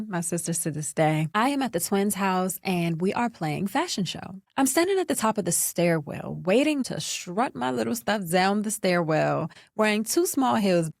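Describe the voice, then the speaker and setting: Sassy animated woman podcast host. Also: on the low side, dry recording, studio quality. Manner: animated, sassy, talks straight to listeners as "girl". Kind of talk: personal storytelling podcast.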